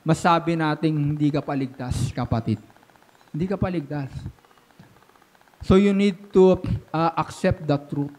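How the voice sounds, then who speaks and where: Pastor, male, high-pitched voice, animated sermon delivery, slips English into his preaching. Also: measured pace, long pauses. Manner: animated preaching with sudden swings from loud to hushed.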